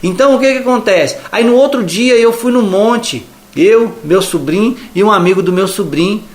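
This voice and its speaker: A man's voice: sits high, moderate pace. A man with a Brazilian accent giving a chatty religious testimony, retelling conversations as he goes. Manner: chatty retelling, acting out the dialogue. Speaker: evangelical believer giving testimony. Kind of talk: testimony storytelling.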